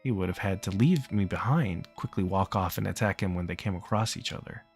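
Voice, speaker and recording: This let's play features a man reading visual novel text aloud in a deep, slightly rough voice at a brisk clip, with faint music behind him. Between plain stretches of narration he stops now and then to joke and laugh.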